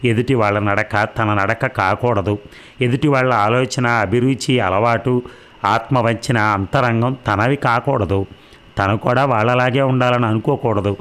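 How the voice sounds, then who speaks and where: A man narrating a novel aloud in a measured, reflective way. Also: medium pitch, fairly even intonation, a bit bright, clear, resonant tone. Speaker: audiobook narrator.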